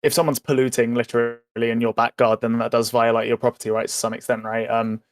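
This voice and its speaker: A man's voice: mid-range voice, little pitch movement, fast talker. A man chatting through a casual debate in a tentative way, hedging his points as he thinks aloud.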